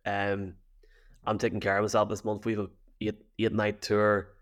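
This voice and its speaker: A man with an Irish accent co-hosting a sports podcast, chatting in an animated, jokey way full of slang. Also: lowish voice, moderate pace. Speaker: podcast co-host. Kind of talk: casual sports podcast chat.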